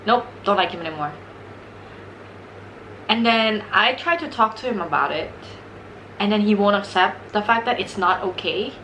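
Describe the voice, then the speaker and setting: A woman's voice: medium pitch, animated, normal speed, pauses often, sharp tone, low-quality recording. Casting: young woman, giggly, candid mukbang host, casual sweary chat, faint background noise. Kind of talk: casual real-talk chat over a meal.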